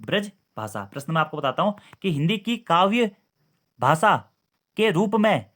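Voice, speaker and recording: A man's voice: sits high, very animated, normal speed, fairly bright tone. A man teaching an exam-prep lesson, asking questions and repeating the key answers to his listeners.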